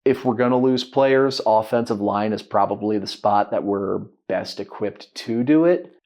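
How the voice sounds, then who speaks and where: A man's voice: lowish voice, moderate pace, a little mellow. A man co-hosting a sports podcast in casual chat. He jokes around and laughs easily. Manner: joking and chatty, laughs easily. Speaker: podcast co-host.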